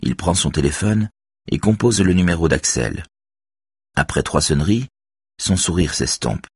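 A male audiobook narrator reads in a calm, steady manner. His voice is very deep with a husky grain, and the recording is close and dry with no room sound. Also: a little slow, dry recording. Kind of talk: scripted narration.

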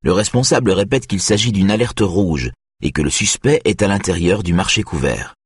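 A man narrating an audiobook thriller in a steady, measured way. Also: sits low, husky, dry recording, clean studio sound.

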